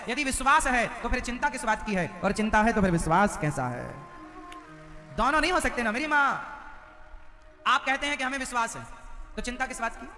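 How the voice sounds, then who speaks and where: A man's voice: very high-pitched, pushed and bright, big-room sound. A man preaching a devotional sermon, teasing and questioning his audience and chanting verses.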